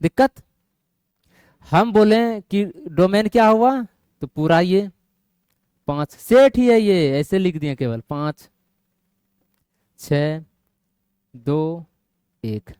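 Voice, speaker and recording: A man's voice: sits high, lively intonation, takes it slowly, pauses often, darkish tone, clean tone, no echo, studio quality. A male math teacher lecturing a classroom of students, often quizzing them and asking if they follow. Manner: quizzes students, keeps asking "getting my point?".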